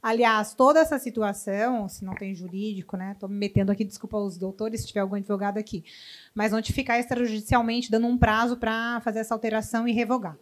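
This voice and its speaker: A woman's voice: medium pitch, fairly even intonation, quick pace. A woman speaking on a professional panel, giving emphatic, direct advice to the audience. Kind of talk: panel discussion.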